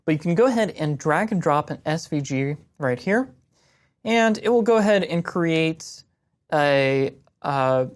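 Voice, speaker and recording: A young woman answering viewer questions about web design in a casual, relaxed screen-share lesson, explaining step by step. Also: deep voice.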